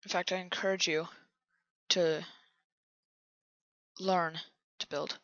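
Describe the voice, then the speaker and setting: Soft, half-whispering gravelly guy. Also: high-pitched, level tone, takes it slowly, no echo, lo-fi sound. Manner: soft-spoken, often half-whispering to himself. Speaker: channel host building in a video game. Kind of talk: quiet gameplay commentary.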